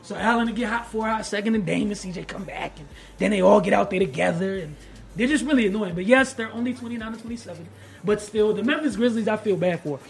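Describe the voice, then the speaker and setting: A man co-hosting a casual sports podcast, emphatic and slangy, building up to loud points. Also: high-pitched, quick pace, gravelly, soft background music. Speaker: podcast co-host.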